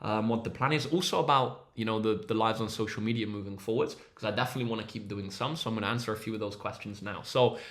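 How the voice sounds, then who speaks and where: A man's voice: lowish voice, fast, few pauses, a bit bright. A young man, a maths tutor hosting a casual livestream, upbeat and encouraging as he reads out viewers' names from the chat.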